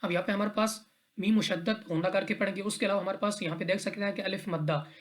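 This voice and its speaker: A woman teaches Quran recitation rules in a calm, step-by-step way. She goes through each letter and often pauses to check in with her students. Her voice sits at an ordinary middle pitch. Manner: patient, step-by-step, repeats rules and checks in with "theek hai". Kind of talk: tajweed lesson explaining recitation rules.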